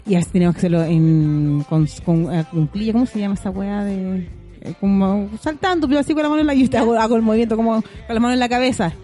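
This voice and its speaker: A woman with a Chilean accent co-hosting a radio show in casual, slangy chat, telling animated stories and acting out what people said. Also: medium pitch. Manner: animated storyteller, slangy, acts out quoted voices.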